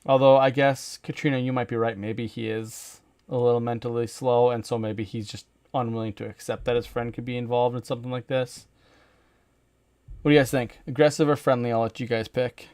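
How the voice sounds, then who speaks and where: A young male streamer commenting on a horror game, thinking out loud, swearing freely and getting worked up over his theories. His voice sits at a middle pitch on a dry, close microphone. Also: little pitch movement, brisk, clear, resonant tone, dry recording. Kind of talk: casual gameplay commentary.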